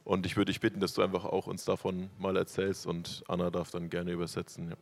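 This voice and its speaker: A man moderating a church testimony gathering, introducing speakers calmly. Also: sits low, fairly quick, vocal fry.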